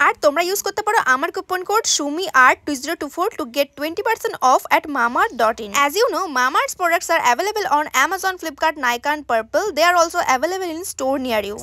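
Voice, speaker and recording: Bright-voiced woman doing voice-over. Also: sits high, no echo. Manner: upbeat, persuasive. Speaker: vlogger. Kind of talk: voice-over narration and product promotion.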